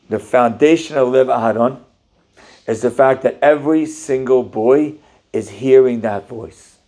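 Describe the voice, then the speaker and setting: Male rabbi, high voice, animated questioning sermon. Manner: animated, questioning Torah teaching.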